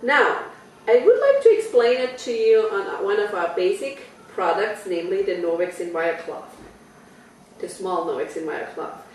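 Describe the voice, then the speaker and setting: This product demonstrator, a woman with an Austrian German accent, gives a relaxed home party talk in someone's living room, walking through each step and regularly quizzing her audience. Her medium-pitched voice is sing-song and somewhat dark, at a normal pace. The audio is echoey and distant, with slight background noise.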